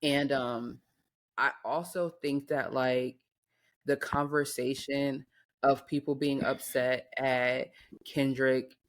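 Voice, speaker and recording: A woman's voice: a bass voice, slow pace. Emphatic American woman in casual podcast chat. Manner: emphatic, slangy, animated rhetorical questions. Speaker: podcast co-host.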